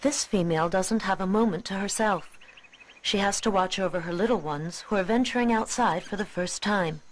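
A woman reading scripted nature documentary narration in a measured, expository way. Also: medium pitch, slight background noise, low-quality recording.

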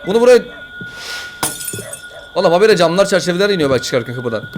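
A young man playing a horror game, swearing, joking and yelling at the game as he comments. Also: sits high, big pitch swings, quick pace, background noise. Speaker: gaming YouTuber.

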